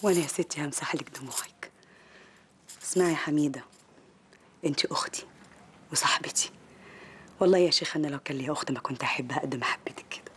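Actress as a determined Egyptian woman mayor: very fast, low-set voice, urgent. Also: animated, slight background noise, close to an everyday voice. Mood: soft whisper. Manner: urgent, pressing. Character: determined young woman mayor, fond of her friend. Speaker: village mayor. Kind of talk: TV drama acting.

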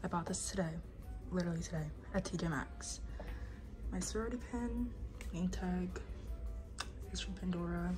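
A woman's voice: lowish voice, normal speed, long pauses, over music. A young woman with a bubbly sorority-girl manner, chatting casually to her vlog. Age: young adult. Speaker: vlogger, sorority member. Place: indoors, bedrooms, restrooms and meeting rooms. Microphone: handheld phone or camera nearby.

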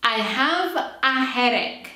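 A woman teaching English phrases in a bilingual lesson, modeling each line clearly for the listener to repeat. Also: fairly high pitch, animated, drawn-out words, bright, forceful tone, reverberant.

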